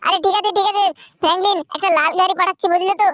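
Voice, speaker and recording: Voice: very high voice, steady tone, racing, fairly bright tone, dry recording, clean studio sound. Performer doing a boastful shop owner.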